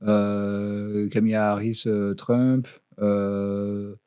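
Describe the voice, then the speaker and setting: A man's voice: fairly low pitch, flat delivery, drawn-out words, mellow, clean tone, no echo. A man co-hosting a podcast in casual chat, talking hesitantly with many fillers and restarts. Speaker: podcast co-host. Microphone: studio podcast mic. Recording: dry close podcast studio sound.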